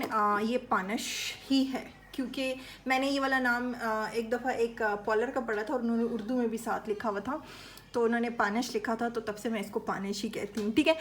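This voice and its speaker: A woman gives a step-by-step dress design tutorial in a chatty way. She often stops to check in with her viewers. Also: a little high. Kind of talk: instructional sewing tutorial.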